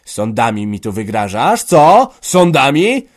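A man voicing a domineering old peasant farmer who shouts scornful threats at his family. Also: medium pitch, sing-song, a little slow, pitched above the performer's own voice. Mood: angry shouting.

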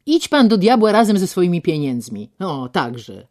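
A woman's voice: lowish voice, big pitch swings, unhurried. A woman voicing a proud young woman who answers coldly and defiantly, raising her voice. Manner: cold and defiant, loud.

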